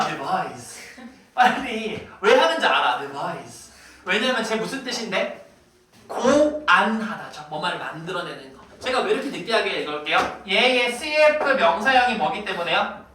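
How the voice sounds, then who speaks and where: Lively teacher in an echoey classroom. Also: mid-range voice. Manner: playful, teasing, quizzes students. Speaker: English teacher. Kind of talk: classroom vocabulary lesson. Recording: very echoey room, voice far from mic.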